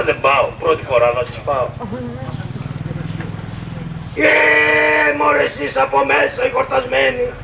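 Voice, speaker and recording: A male shadow puppeteer voicing a starving, cheeky everyman in a live show, with shouted, sing-song comic complaints. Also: sits high, creaky, heavily acted. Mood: shouting. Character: starving, boastful, cheeky poor Greek everyman. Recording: distant live show with loud background noise.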